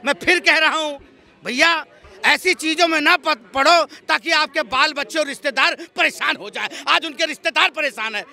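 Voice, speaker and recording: A man's voice: extremely high pitch, moderate pace, vocal fry, sharp tone. A man arguing heatedly as a street interviewee, insisting on being heard and repeating his points. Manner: insistent, repeats himself, talks over others.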